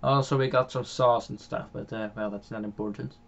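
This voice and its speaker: This gaming channel host, a young man from the Netherlands, rambles through casual gameplay commentary in a Dutch accent, with many fillers, restarts, and frequent chuckles. His medium-pitched voice is steady, brisk, gravelly, and fairly bright, recorded lo-fi on a home microphone.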